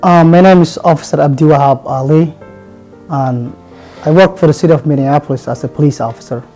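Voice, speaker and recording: A man speaks in a mellow, fairly high voice. He talks haltingly, trailing into soft fillers between phrases as he tells his story for an interview. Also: soft background music. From Somalia. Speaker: police officer. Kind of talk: interview testimonial.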